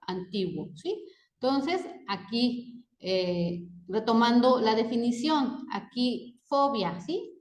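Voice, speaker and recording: A woman teaching a grammar lesson. She reads example words one at a time and checks in with a rising "¿sí?" after each point. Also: a little high. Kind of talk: slow spoken grammar lesson. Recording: echoey room.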